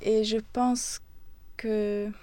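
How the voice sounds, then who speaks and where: Slow, hesitant woman speaking French. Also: mid-range voice, flat delivery, mellow, no echo. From Sweden. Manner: hesitant, searching for words, many fillers. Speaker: interviewee. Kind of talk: casual conversation.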